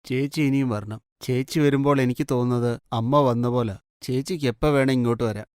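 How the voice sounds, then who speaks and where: A man voicing an earnest, gentle young man in a cartoon story, speaking in a heartfelt way. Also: medium pitch, steady tone, a little fast, clean tone, dry recording, studio quality, close to an everyday voice. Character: gentle young man, grateful brother figure.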